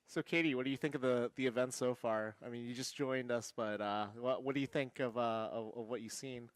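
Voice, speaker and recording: A man commentating on a live poker broadcast, talking in a halting way with many fillers and restarts. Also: medium pitch, steady tone, smooth, dry recording.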